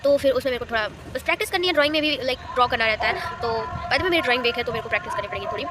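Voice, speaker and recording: Fast-talking teenage girl vlogger. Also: on the high side, noisy background. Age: teens. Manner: chatty, rambling Hindi-English code-switching. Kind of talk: casual chat.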